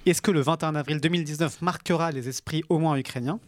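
A man's voice: on the high side, fast talker, no room sound. A man co-hosting a news podcast, explaining a story at length with many hesitations and fillers. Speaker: podcast co-host. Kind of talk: casual news podcast chat.

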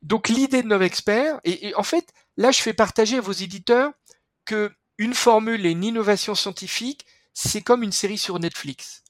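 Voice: mid-range voice, normal speed, dry recording, clean studio sound. A podcast guest explaining skincare research in an enthusiastic, chatty way, full of fillers and restarts.

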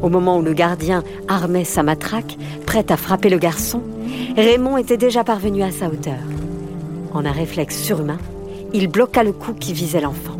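A woman narrating a storybook with a lower, measured voice. She reads expressively, and faint music plays behind her.

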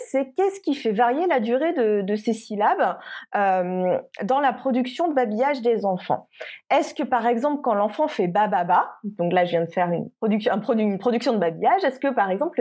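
Hesitant woman researcher, high voice. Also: a little mellow, slightly rough. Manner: careful, many hesitations and restarts. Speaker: linguist researcher guest. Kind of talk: explanatory interview answers.

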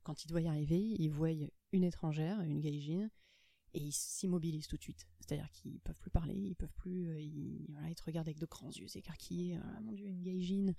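A woman from France chatting casually as a podcast host, telling stories in a lively way and acting out the people in them. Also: low voice, brisk, gravelly, dry recording. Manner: lively storytelling, acts out the people in her stories. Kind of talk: casual conversation.

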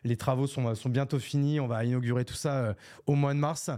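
A man in Bordeaux, France, hosts his own solo podcast, talking unscripted in a casual, rambling way full of fillers, restarts and English business slang. Recorded on a podcast microphone, his mid-range, dark voice is steady and fairly quick.

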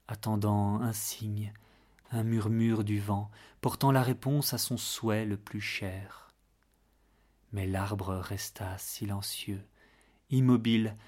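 A man narrating a fairy tale in a gentle, measured way, sometimes dropping to a hush. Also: on the low side. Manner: gentle, measured, hushed at moments. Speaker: storyteller.

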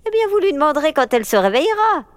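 A woman's voice: sits high, sing-song, very fast, dry recording, pitched above the performer's own voice. A woman voicing a weary, blasé old school nurse who talks in an offhand, dismissive way. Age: older.

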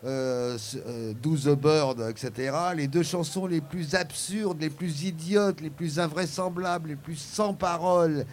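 An older man telling anecdotes as an interview guest, lively and full of fillers and hesitations. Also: on the high side, a little slow, few pauses, a little hiss or hum. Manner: animated storyteller, many fillers.

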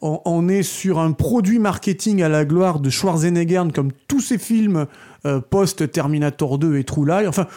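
A man co-hosting a casual film review, talking with many hesitant filler pauses. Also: on the high side, mellow.

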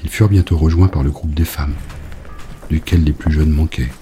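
A man reading a novel aloud as an audiobook narrator, in a grave, measured way. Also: very deep voice, steady tone, dark tone.

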